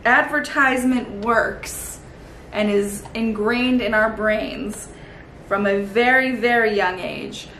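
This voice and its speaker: A woman's voice: a little high, takes it slowly, fairly bright tone. A woman in her thirties giving casual, rambling comedic commentary as a host, sardonic and sweary. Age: 30s. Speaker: host reacting to old toy commercials. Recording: roomy echo, faint background noise.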